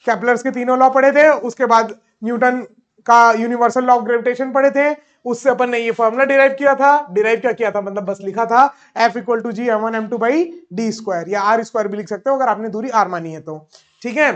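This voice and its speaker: A man teaching a physics lesson in Hindi mixed with English terms. He keeps asking questions and answering them himself, and he slows right down when dictating. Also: very high voice, steady tone, a bit bright, highs cut off. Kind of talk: classroom physics lecture.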